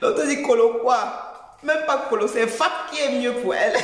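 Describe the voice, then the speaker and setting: Echoey, high-voiced Cameroonian woman, scolding. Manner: scolding, mocking, repeats phrases for emphasis. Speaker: online commentator. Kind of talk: informal spoken commentary video. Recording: very echoey, long reverb.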